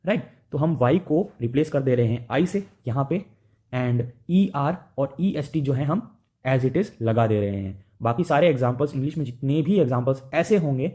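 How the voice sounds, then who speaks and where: A man with an Indian accent walks through grammar rules like a patient teacher. His voice is mellow and dark, and he keeps checking in with the listener as he goes. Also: medium pitch. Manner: explains step by step, often asks "right?". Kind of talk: Hindi-English grammar lesson.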